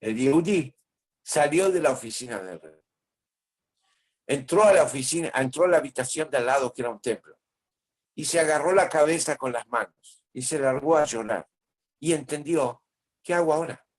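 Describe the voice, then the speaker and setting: A rabbi delivers a storytelling sermon. He talks earnestly and with animation, at a mid pitch for a man. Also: expressive, moderate pace.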